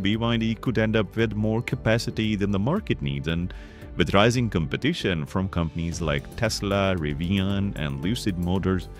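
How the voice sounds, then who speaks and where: A man narrating an explainer video in a conversational voice-over, sometimes stumbling and restarting words. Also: lowish voice. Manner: slips and restarts mid-word. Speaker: documentary narrator.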